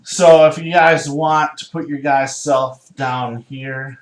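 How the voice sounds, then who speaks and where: A man running a tabletop game as game master, improvising narration haltingly as he searches for words. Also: medium pitch, fairly even intonation, a little hiss or hum. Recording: echoey room.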